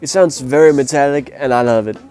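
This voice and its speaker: Speaking fairly quickly in a mid-range, slightly mellow voice, a man reviews music performances over soft background music. His voice is nasal and sick, and his casual video take is blunt, opinionated, and scored.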